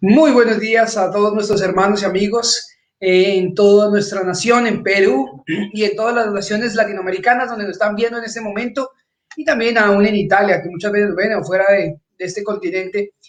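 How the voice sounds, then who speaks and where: High-voiced pastor, earnest. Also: male voice, moderate pace. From Peru. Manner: earnest, steady preaching. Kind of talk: church sermon greeting. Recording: echoey room.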